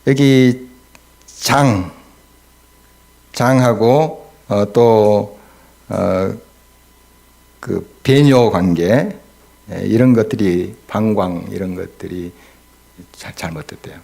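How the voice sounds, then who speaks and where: A man preaching a midweek prayer-meeting sermon as pastor, earnest, swelling loud on key words and asking rhetorical questions. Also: on the low side, drawn-out words, gravelly, long pauses. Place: church.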